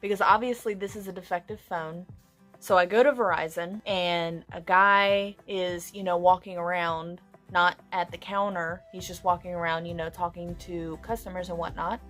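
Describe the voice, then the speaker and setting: A woman's voice: on the low side, moderate pace, faint music behind. A young adult woman vlogging, casually retelling a story with lots of "you know" and acted-out dialogue. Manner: animated retelling full of quoted dialogue and fillers like "you know".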